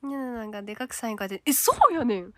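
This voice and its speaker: Chatty Kansai woman, slightly high voice. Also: quick pace, no echo. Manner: chatty, reads comments aloud, drops to a soft whisper at times. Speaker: idol livestreamer reading viewer comments. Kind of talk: casual livestream chat.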